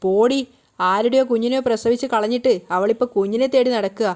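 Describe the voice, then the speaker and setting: A woman's voice: a little high, quick pace, a little mellow, natural voice. A woman voicing a spoiled, cruel young pregnant woman who sneers dismissively. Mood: contemptuous.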